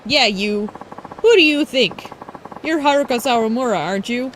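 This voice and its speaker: A snooty young idol girl who brags and taunts in a raised, sing-song voice, as a woman reads her lines aloud. Her tone swings high and sharp with disdain, all boast and sneer, like a spoiled video game rival. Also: lively intonation, moderate pace, slight background noise. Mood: haughty. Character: bratty, arrogant young female rival idol.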